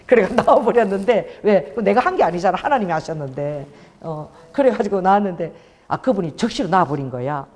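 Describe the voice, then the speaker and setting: A woman's voice: mid-range voice, expressive, brisk, darkish tone. A woman pastor preaching a sermon and telling a story with animation, often asking the congregation for an amen. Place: church worship hall. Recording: long hall reverb.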